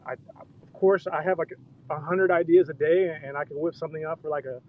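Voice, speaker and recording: A man with a somewhat high voice talks in a loose, easygoing way and swears now and then. He is driving, and his voice comes through a muffled, dull Bluetooth headset mic. The sound is lo-fi and muffled, as if he were underwater. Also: fairly even intonation, brisk. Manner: laid-back, loose, swears casually. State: driving in the rain. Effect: muffled car Bluetooth headset mic. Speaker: project founder on a live audio chat. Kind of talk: casual chat. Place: inside a car in the rain. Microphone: Bluetooth headset in a car.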